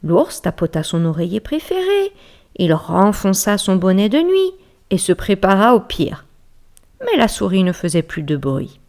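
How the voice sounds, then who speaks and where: A woman reading a children's bedtime story aloud in a gentle, hushed way, dropping now and then to a whisper. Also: mid-range voice, wildly swooping pitch, measured pace.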